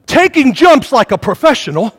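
A man's voice: very high voice, moderate pace, a little hiss or hum. A male pastor preaching a sermon, telling stories with acted-out voices and jokes in a church. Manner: animated storytelling, acts out voices, jokey. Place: church sanctuary. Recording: reverberant hall.

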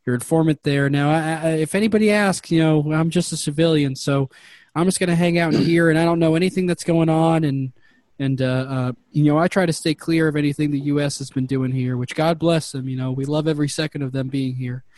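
A man acts as game master for a comedic tabletop game, rambling through the narration with lots of fillers and frequent laughter. His voice is a little high and darkish, brisk and steady, in a dry recording.

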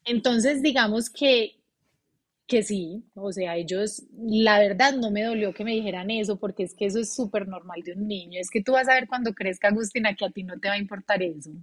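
A woman's voice: mid-range voice, brisk. A woman, a podcast guest candidly recounting an emotional personal story.

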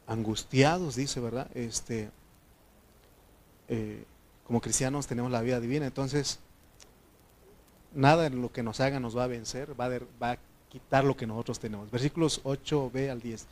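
A man preaches in a relaxed, talkative way. His voice sits at an ordinary middle pitch. He keeps turning to the congregation with questions. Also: moderate pace, pauses often. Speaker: pastor. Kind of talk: sermon.

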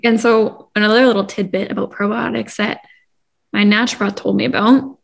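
A young woman co-hosting a casual podcast chat. Her voice sits at a middle pitch with a gravelly fry, and her talk is chatty and full of "like" and "um" fillers. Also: fairly even intonation, fairly quick. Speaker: podcast co-host.

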